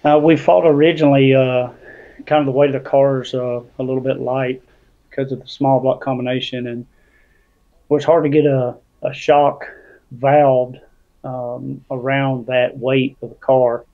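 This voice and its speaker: A man, a guest drag racer and tuner, talking slightly out of breath with many halting fillers over a video call. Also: medium pitch, level tone. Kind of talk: casual panel talk. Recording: tinny phone-like line.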